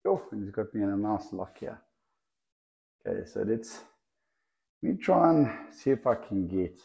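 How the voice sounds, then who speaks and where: A man showing off a lively python outdoors on camera, chatty and laughing, talking to the snake as it wraps around his clip-on mic. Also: fairly low pitch, moderate pace, gravelly, low-quality recording. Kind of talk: casual hands-on video chat. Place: outdoors in the sun. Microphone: clip-on mic the snake keeps wrapping.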